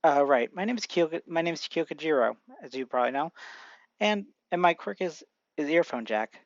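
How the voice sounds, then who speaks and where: A man's voice: a little high, animated, a little fast, dry recording, lo-fi sound. A man voicing a shy, hesitant teenage girl. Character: shy teen girl with earphone jacks.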